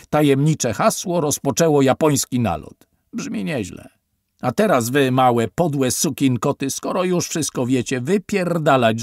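A man voicing a foul-mouthed, bullying military intelligence officer who shouts threats in an irritating voice. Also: fairly low pitch, vocal fry, breathy edge, no echo, studio quality, heavily acted. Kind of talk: audiobook character voice.

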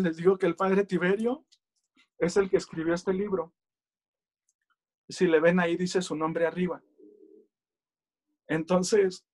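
A man giving an earnest religious testimony, calling his listeners brothers. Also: sits high.

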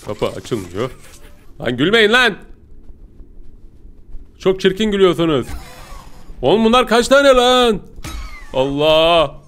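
A man's voice: high voice, takes it slowly, pauses often, clean tone. A man giving casual let's-play commentary, chatting to viewers and yelping when startled. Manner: excitable, yelps and squeals when startled; chatty, keeps talking to viewers as "pisicik". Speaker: gaming video host.

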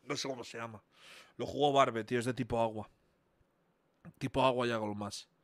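A young man with a Spanish accent commentates a quiz game on a live stream, talking excitably, swearing often and bursting into shouts. His voice is mid-range and brisk, with no echo.

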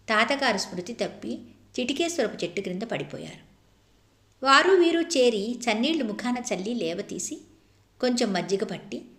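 A woman narrating an audiobook in a measured, expressive storytelling manner, recorded in an echoey room. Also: mid-range voice. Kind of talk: scripted narration.

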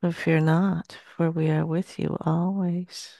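Slow, creaky woman channeling like a seance medium. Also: on the low side, level tone, warm tone, dry recording, clean studio sound. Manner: slow, solemn seance-medium delivery with long pauses. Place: small dim indoor room. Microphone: headset.

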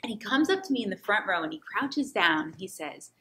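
A woman from the United States tells a personal story from her time as a volunteer teacher. Her voice is bright and forward. She delivers it expressively and acts out the lines she quotes. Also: mid-range voice, big pitch swings, fairly quick. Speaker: returned Peace Corps volunteer, former teacher.

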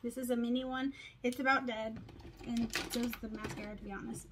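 A woman's voice: a little high, fairly even intonation, a little fast, background noise. Chatty woman rambling through her makeup. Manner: rambling, self-deprecating, talks to herself. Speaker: beauty vlogger. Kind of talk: casual makeup tutorial chat.

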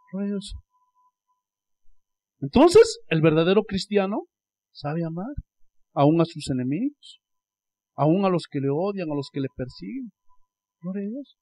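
A Bolivian pastor preaching in a high, tenor-range voice. His pitch leaps and falls widely as he swings from loud exclamations down to near-whispered asides. He keeps coming back to a repeated refrain of praise. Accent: Bolivian Spanish. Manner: repeats "Gloria a Dios" as a refrain. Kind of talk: sermon.

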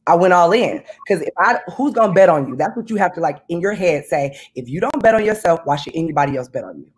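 Animated husky woman on a video call. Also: fairly low pitch, fast. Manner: animated, emphatic, preachy about money. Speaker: guest, business owner. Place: home room indoors. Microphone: video call webcam.

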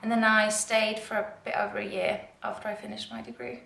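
Her voice is fairly high, creaky and sharp, with little pitch movement and a brisk pace. She is a young Norwegian knitwear designer in her twenties, giggly and self-deprecating as she chats casually to camera in English with a British-tinged accent. She speaks indoors in a dim living room, with roomy living-room echo.

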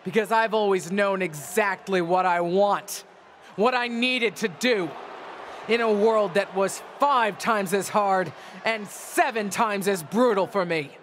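An actress playing a bitter, proud middle-aged wrestling legend in a video game, delivering a taunting, theatrical wrestling promo. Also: female voice, mid-range voice, measured pace, close to an everyday voice. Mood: scornful. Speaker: returning wrestler, former champion and manager. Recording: arena ambience noise behind voice.

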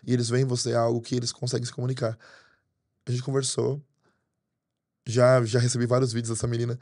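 Fast-talking Brazilian pastor, dark tone. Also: male voice, mid-range voice, dry recording, clean studio sound. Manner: fast storytelling, animated hand gestures. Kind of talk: podcast interview. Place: studio with green curtains. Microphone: desk mic on arm.

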